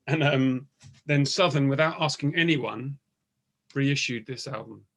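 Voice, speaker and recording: A man hosting a casual chat, relaxed, with chuckling asides. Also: medium pitch, a little slow. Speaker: host.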